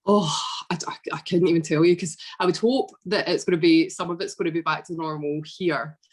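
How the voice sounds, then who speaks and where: A Scottish woman in her twenties speaks as a podcast guest in a casual interview, her voice fairly low and fairly quick. She comes across chatty and relaxed, filling her talk with lots of fillers.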